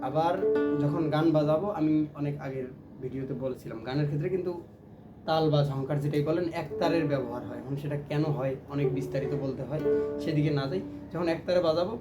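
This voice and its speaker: Loud music plays behind a fast-talking man whose voice sits on the high side as he teaches ukulele. He explains strums and, while playing, counts them and chants rhythm syllables aloud, with loud plucked strings beneath his speech.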